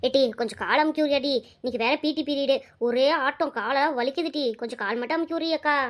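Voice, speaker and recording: Woman playing a cartoon schoolgirl, very high, fast, whiny, pleading. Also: close to an everyday voice. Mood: whining. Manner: whining, pleading. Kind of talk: cartoon voice acting.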